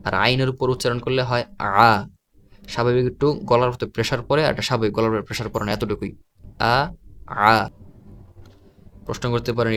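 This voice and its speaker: A man teaching how to pronounce Quran letters in a recorded online lesson, explaining slowly and patiently and repeating each letter sound. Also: medium pitch, slight background noise.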